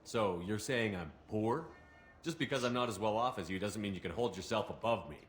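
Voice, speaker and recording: A man's voice: on the low side, brisk, slight background noise, lightly acted. A man voicing a blunt, abrasive male soldier commander with a sarcastic, confrontational streak.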